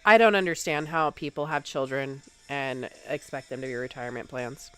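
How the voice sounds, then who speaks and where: A woman's voice: rumbling low, moderate pace, pushed and bright, clear, resonant tone, soft background music. A woman livestreamer chatting candidly at home while getting ready, congested and swearing freely.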